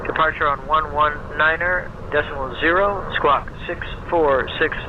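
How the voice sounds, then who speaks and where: A man's voice: a little high, a little slow, narrow, tinny audio, noisy background. A man as a light aircraft pilot making procedural calls over an aviation radio. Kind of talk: radio phraseology.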